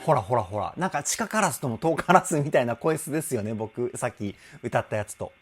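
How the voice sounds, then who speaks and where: A man's voice: mid-range voice, expressive, fairly quick, faint music behind. A male vocal trainer giving an enthusiastic, explanatory song analysis and now and then singing short phrases to demonstrate.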